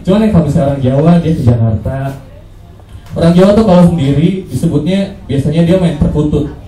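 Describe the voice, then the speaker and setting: A man's voice: on the high side, animated, fast, dark tone. A young man from Indonesia doing a casual, slangy stand-up comedy set and bantering with the crowd. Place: open mic comedy venue. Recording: roomy, distant stage recording.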